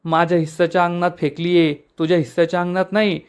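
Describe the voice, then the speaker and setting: A man voicing a frightened, quarrelsome village man who yells for help and defends himself. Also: high-pitched, flat delivery, quick pace, smooth. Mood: defensive.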